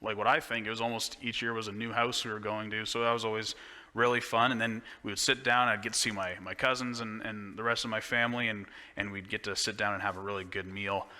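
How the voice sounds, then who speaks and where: A young pastor talks his congregation through a relaxed, rambling sermon, full of fillers and friendly restarts. His voice is bright and forward. It rings out with the long reverb of a big church hall. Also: lowish voice, fast talker. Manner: casual and chatty, with many fillers and restarts. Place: church sanctuary.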